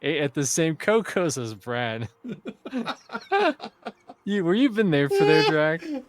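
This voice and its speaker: A man hosting a casual gaming stream chat, talking in a deadpan, droll way. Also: fairly high pitch, takes it slowly. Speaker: streamer and host.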